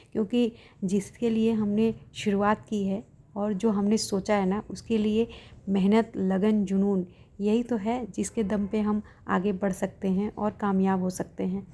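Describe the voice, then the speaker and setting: Woman study vlogger, mellow husky voice, flat encouraging delivery, quiet late-night home recording. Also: medium pitch. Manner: encouraging, motivational advice; speaks softly at night to avoid waking family. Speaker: study vlogger, exam aspirant. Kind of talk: casual study vlog narration. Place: open veranda at home at night, fan running.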